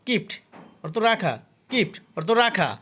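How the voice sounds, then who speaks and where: A man's voice: sits high, animated, bright, forceful tone, slightly rough. A man teaching English vocabulary, saying each word and its meaning twice and stopping to explain the pronunciation. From Bangladesh. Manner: slow, careful drill with pronunciation notes.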